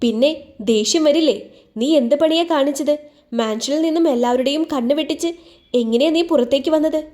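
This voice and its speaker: Give me a woman playing an irritable young husband, sharp and impatient. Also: extremely high pitch, a little slow. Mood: irritated.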